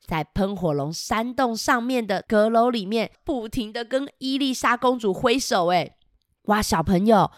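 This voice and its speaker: Animated woman telling a picture-book story. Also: fairly high pitch, no room sound, studio quality. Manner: animated, asks children questions, playful sound effects. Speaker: storyteller for children.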